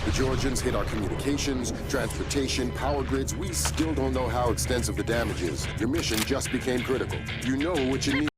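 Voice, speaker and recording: A man playing a composed, authoritative intelligence colonel in a video game, measured and businesslike. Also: medium pitch, loud music behind the voice, lightly acted. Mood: grave, urgent. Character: composed, authoritative male colonel running covert operations. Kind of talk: video game cutscene acting.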